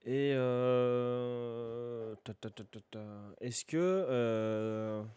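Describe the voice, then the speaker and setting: A man's voice: medium pitch, fairly even intonation, extremely slow, warm tone, smooth, dry recording. A man chatting casually as a tabletop role-play player, jokey and thinking aloud, often repeating words. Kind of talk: casual game chat.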